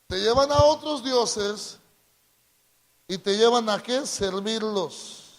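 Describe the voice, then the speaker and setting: A man with a Latin American Spanish accent preaching a call-and-response sermon, drawing out key words and prompting the congregation to repeat after him. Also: high voice. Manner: drawn-out emphatic delivery, prompts congregation to repeat.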